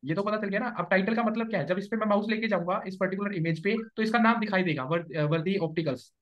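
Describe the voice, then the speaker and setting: High-voiced man teaching a class. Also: fast. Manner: explanatory, checks understanding often. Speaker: SEO trainer. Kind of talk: live classroom tutorial. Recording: dull lo-fi classroom recording.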